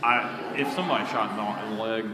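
A safety instructor runs a hands-on first aid class in a church hall, speaking fast in a lowish voice over a loud crowd. He talks casually, with fillers and restarts, and the hall echoes with long reverb.

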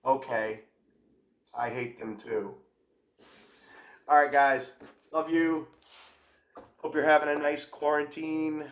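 A man sits at home reading quotations aloud, pausing after each to add a dry, wry aside. His voice sits in the middle range. It rings in a roomy space. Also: mid-range voice. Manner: reads quotes aloud then adds wry asides. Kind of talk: casual reading and commentary. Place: home during quarantine. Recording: roomy echo.

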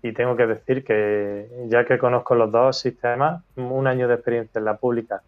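A man speaks in an easy, conversational way and acts out the voices of people in his story. His audio has a dull, slightly lo-fi quality, and his pitch sits in a middle range. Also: moderate pace. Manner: animated storyteller, acts out quoted dialogue. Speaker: interview guest, teacher.

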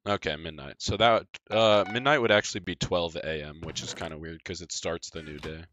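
A man streaming a game live, chatting casually with viewers and reacting excitably to the action. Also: sits low, brisk, muffled recording, slight background noise. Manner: excitable, chatty, talking to chat while playing.

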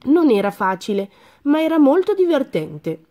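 A woman reading a children's story aloud in a lively, expressive way. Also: high voice, moderate pace.

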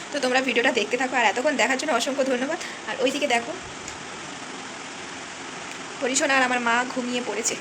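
A woman's voice: high voice, background noise. A young woman chatting casually to her viewers in a home vlog, talking with many fillers and restarts. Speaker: vlogger.

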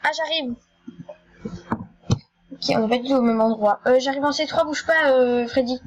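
A woman giving casual, chatty commentary while playing an online game, excitable and prone to stammering and repeating herself. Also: high-pitched, normal speed, lo-fi sound. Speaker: gaming YouTuber.

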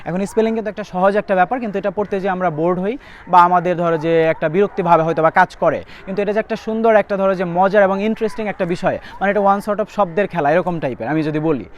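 Fast-talking young male English tutor. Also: high voice, lo-fi sound, a little hiss or hum. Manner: rapid explanatory talk, spells words letter by letter. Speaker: admission test English tutor. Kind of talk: spoken lesson to students.

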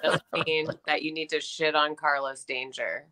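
A woman's voice: low-pitched, steady tone, normal speed, pushed and bright, clean tone. A woman chatting on a podcast, teasing and scolding her co-host jokingly. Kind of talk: casual podcast chat.

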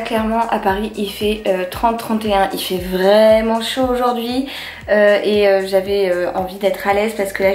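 A woman's voice: fairly high pitch, darkish tone. Chatty young woman in an echoey room. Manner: chatty, many fillers and restarts. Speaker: vlogger. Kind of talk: casual vlog chat to camera. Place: her home, indoors.

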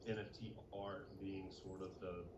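A very deep-voiced man talks casually on an online community call, stopping often with ums and restarts. His audio is muffled and noisy. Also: flat delivery, normal speed, reverberant. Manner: hesitant, many fillers and restarts. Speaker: community member giving an update.

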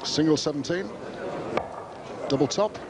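A man's voice: on the high side, a little slow. A man giving live darts commentary in short remarks that follow the play. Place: commentary box at indoor tournament. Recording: loud crowd and venue noise.

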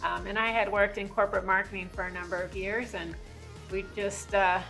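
A friendly, chatty woman in her forties, sitting in a restaurant booth and describing her menu and business. Her voice is mid-pitched and conversational, and soft music plays faintly underneath. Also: fairly even intonation, fairly quick, creaky, rough recording. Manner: friendly, chatty, laughs easily. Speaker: restaurant owner. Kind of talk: casual interview. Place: brick-walled restaurant booth, indoors. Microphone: lapel mic.

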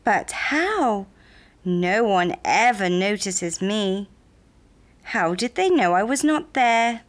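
A woman's voice: lively intonation, slow. A woman voicing a tiny, shy young male frog in a puppet show, speaking earnestly. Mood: surprised. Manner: high, earnest, apologetic.

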